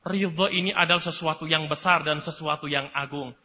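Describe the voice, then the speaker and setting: A man preaching a sermon with impassioned delivery that swells into shouts at emotional peaks. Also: on the high side, steady tone, brisk, in a large hall.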